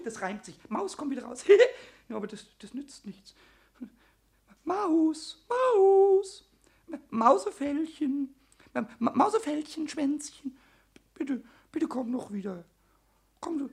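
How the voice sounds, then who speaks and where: A woman voicing a mischievous little male kobold in a radio play, husky, giggly and stammering, swinging between whispers and squeals. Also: high-pitched, heavily acted.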